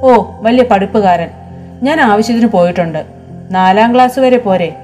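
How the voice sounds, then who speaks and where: A woman's voice: mid-range voice, moderate pace, dark tone, close to an everyday voice. A woman voicing a young mother who talks affectionately and teasingly, in a storybook reading with faint music. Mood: playful. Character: young widowed mother, gentle but quick-tongued.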